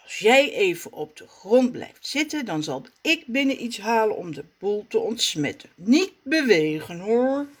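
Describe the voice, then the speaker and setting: A calm, kindly man with a moustache from a children's storybook, played by a woman. He speaks in a soothing, patient way. His voice rises and falls in a lively way. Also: mid-range voice, measured pace, hardly any pauses, husky.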